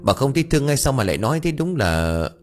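A man playing a kindly, stubborn village man near fifty who coaxes a child gently and bickers with his wife. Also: mid-range voice, big pitch swings, fast talker, faint music behind, voice pushed up, lightly acted. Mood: coaxing.

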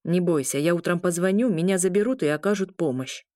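A woman's voice: on the low side, brisk, darkish tone, no echo, clean studio sound, natural voice. A woman voicing an injured, cocky young man who groans and complains of pain. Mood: calm.

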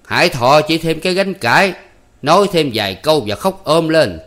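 A man's voice: a little high, animated, normal speed, fairly bright tone, voice pushed up. A man voicing an old male theatre troupe manager who is jovial and commanding, with a theatrical, declaiming way of talking. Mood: explaining. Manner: theatrical, bellowing stage declamation.

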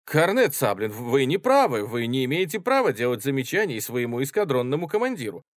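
A soft-stepping officer playing peacemaker, as a male reader puts him on, quick and coaxing. His pitch rides well above the narrator's own, lively in its swings. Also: gravelly, clear, resonant tone, no room sound, clean studio sound, exaggerated voice. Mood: placating. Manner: quick, placating. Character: soothing older officer, man, peacemaking.

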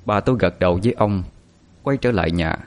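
A man narrating a story in a steady, measured way. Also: low voice.

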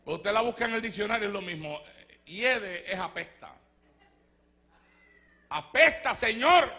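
A man preaches a fiery sermon in a strikingly high, gravelly voice. He swings from shouted declarations to hushed storytelling and breaks into speaking in tongues. The recording sounds dull and lo-fi. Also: moderate pace. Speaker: pastor. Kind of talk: Pentecostal sermon.

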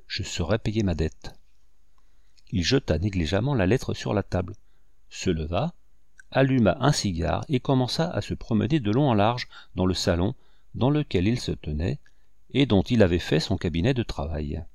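A man narrating a novel as an audiobook in a steady, even reading. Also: on the low side, moderate pace, vocal fry, no echo, studio quality.

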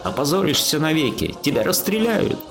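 A man voicing an elderly, blustering Martian father-in-law who shouts his indignation in high bursts. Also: very animated, normal speed, music in the background. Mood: outraged.

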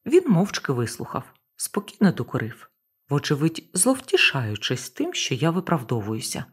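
A woman reads a first-person novel aloud as an audiobook, in a low, husky voice. Her intonation rises and falls widely, giving the narration an expressive lift. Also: normal speed. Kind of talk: audiobook reading.

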